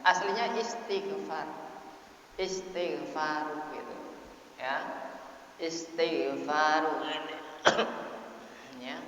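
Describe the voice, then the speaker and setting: A man teaching a Quran recitation lesson who chants the Arabic words and often clears his throat. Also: mid-range voice, fairly bright tone, slight background noise. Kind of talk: tajwid lesson. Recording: dull, echoey hall sound.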